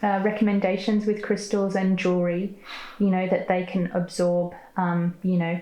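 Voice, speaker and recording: Mellow-voiced woman interviewer. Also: lowish voice, flat delivery, moderate pace. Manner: attentive, affirming. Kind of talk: interview questions. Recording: roomy echo.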